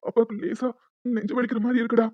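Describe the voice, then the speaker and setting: A woman's voice: on the high side, little pitch movement, fast talker, no room sound, narrow, tinny audio, pitched below the performer's own voice, close to an everyday voice. A woman voicing an ailing old father who weakly pleads with his daughter about chest pain. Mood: pleading. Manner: weak, pleading.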